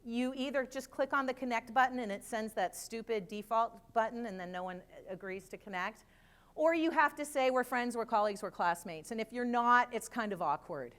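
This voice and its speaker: A middle-aged woman giving a live conference talk, lively and chatty with joking asides. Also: a little high. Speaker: conference speaker. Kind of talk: live presentation to an audience.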